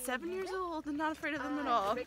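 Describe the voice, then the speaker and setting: Woman, biology student, slightly high voice, dry teasing, chatter behind. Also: fast talker. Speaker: biology student in travel group. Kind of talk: casual banter. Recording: voice amid group chatter.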